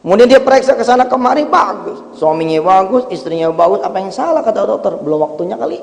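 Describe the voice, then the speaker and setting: A man's voice: high voice, fast talker, gravelly. Man preaching in an echoing hall. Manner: shifts between chanted Arabic recitation and animated colloquial speech. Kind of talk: sermon with Quranic recitation. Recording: long hall reverb.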